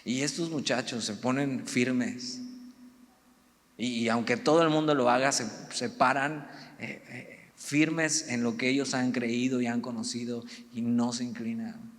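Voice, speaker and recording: A man's voice: mid-range voice, fairly even intonation, a little slow. A man preaching a youth sermon in a conversational way, with humorous asides. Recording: reverberant hall.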